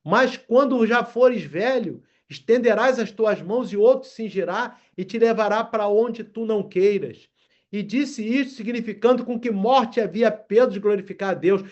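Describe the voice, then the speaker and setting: A man's voice: high-pitched, moderate pace, highs cut off. A man preaching a sermon, reading scripture aloud and calling his listeners brothers. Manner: addresses congregation as brothers, reads scripture aloud.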